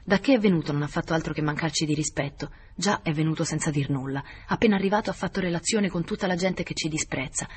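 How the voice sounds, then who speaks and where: A man's voice: fairly high pitch, fast talker, few pauses, husky. A man voicing a proud, cold noblewoman who speaks with cutting scorn, in a storybook reading. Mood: scornful.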